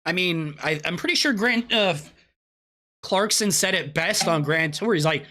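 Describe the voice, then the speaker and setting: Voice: medium pitch, animated, normal speed, bright, forceful tone. A streamer giving casual reaction commentary in a blunt way, swearing freely.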